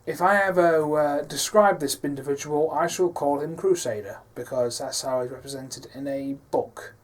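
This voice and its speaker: A man's voice: on the high side, moderate pace. A man talking casually about his films, rambling and hesitant, with many fillers. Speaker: filmmaker. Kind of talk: casual behind-the-scenes talk.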